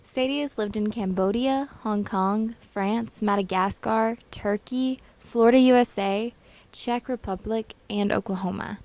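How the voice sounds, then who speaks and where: A woman's voice: medium pitch, measured pace, a little mellow, no room sound. Woman narrating a student news feature. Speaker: interviewer and narrator.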